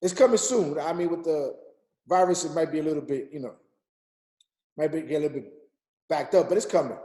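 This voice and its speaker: A man's voice: a little high, fairly quick, warm tone, reverberant. A man in his thirties giving an emphatic, repetitive motivational talk on a group call, urging listeners like a preacher. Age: 30s. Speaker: motivational speaker.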